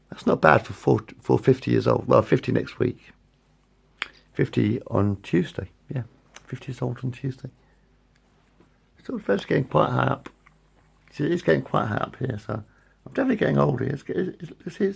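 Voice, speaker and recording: Here a man in his late forties vlogs into the front camera of his phone, wandering between ideas in a loose, repetitive ramble and correcting himself along the way. He has a medium-pitched, slightly mellow voice with vocal fry and a breathy edge.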